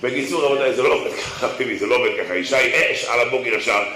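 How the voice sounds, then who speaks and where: A man giving a humorous religious talk to an audience, animated and slangy, often repeating phrases. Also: medium pitch. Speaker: speaker to an audience. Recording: roomy echo.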